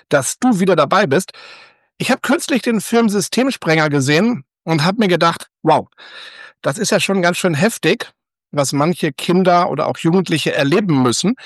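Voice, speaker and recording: A man hosting a podcast, with an upbeat, lively presenting manner. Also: high voice, no room sound, clean studio sound. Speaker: podcast host.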